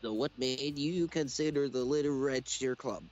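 A man voicing a cheerful teenage girl club president, read in a flat, robotic way that speaks the punctuation aloud. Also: medium pitch, normal speed, faint music behind, close to an everyday voice. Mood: welcoming. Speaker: let's play voice actor. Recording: dull lo-fi recording.

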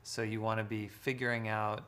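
A man speaking as a guest author, talking slowly and deliberately in a live social-media conversation. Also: fairly low pitch, little pitch movement, sharp tone. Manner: slow, deliberate and measured.

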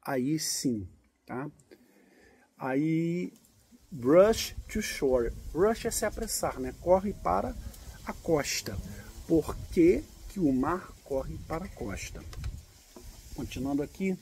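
A man from Brazil teaching English in a relaxed, patient way, with guitar and snatches of singing. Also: on the high side, slow, gravelly, slight background noise. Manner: explains patiently, sings lyric lines to guitar. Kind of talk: casual English lesson.

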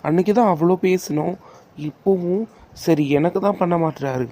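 A man's voice: high-pitched, normal speed, warm tone. A man voicing a young older brother who teases and comforts his crying sister. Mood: resentful. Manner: teasing, reassuring. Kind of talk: cartoon voice acting.

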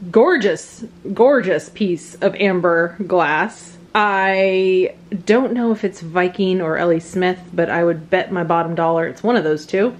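A woman casually showing off her vintage finds at a table at home, chatty and gushing, often trailing off and restarting. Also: mid-range voice. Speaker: vintage reseller vlogger. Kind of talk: casual show-and-tell haul narration.

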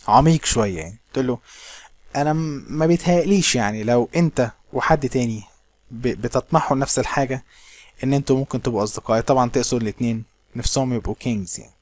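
A man with an Egyptian accent who teaches by reading passages of a novel slowly and then explaining them casually in colloquial speech. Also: medium pitch, a little mellow, no echo.

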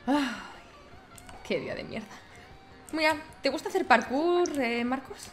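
A woman with an accent from Spain improvising casual role-play in an online game, blunt and quick to swear. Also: high-pitched, soft background music.

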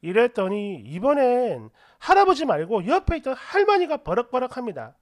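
A woman's voice: a little high, wildly swooping pitch, moderate pace. A woman narrating a family story in a chatty, indignant way.

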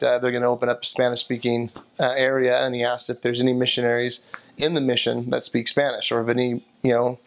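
Gravelly, flat-voiced man recalling memories. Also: medium pitch. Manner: rambling, many restarts and fillers. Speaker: returned missionary interviewee. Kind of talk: reminiscing interview answer. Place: indoor room by a window, seated in armchair.

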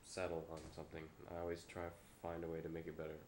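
A young man who is sick with a stuffy nose, giving a low-key, hesitant, rambling vlog update into a webcam. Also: monotone, racing, a little mellow, slight background noise. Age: young adult. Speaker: vlogger and amateur filmmaker. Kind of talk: casual, unscripted update vlog. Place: small room indoors. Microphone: webcam or laptop mic at arm's length.

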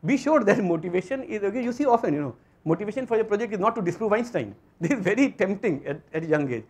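A man with an Indian accent giving a motivational lecture to students, emphatic, repeating phrases and asking rhetorical questions in a husky voice. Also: sits high, animated, quick pace, a little mellow. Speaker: physics lecturer. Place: auditorium stage.

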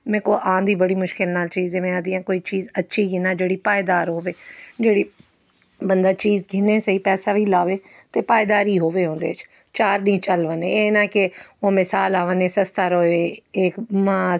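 A woman's voice: mid-range voice, steady tone, moderate pace, vocal fry, dry recording, studio quality. A middle-aged woman, chatting casually in a rambling vlog voice-over with many fillers. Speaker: beauty parlour owner and vlogger.

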